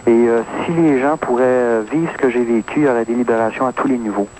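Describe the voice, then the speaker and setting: A man's voice: mid-range voice, fairly even intonation, quick pace, a little mellow, rough recording. A man in his thirties with a Québécois accent calling in to radio, testifying earnestly and hesitating with many fillers. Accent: Québécois French. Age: 30s. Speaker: caller. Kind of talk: phone-in testimony. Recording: caller on AM radio with faint hiss.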